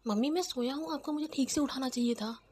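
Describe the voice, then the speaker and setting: A woman's voice: high-pitched, fast talker, a little mellow, slight background noise, voice pushed up, natural voice. A woman voicing a cheeky, lazy teenage son who whines and talks back. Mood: whiny.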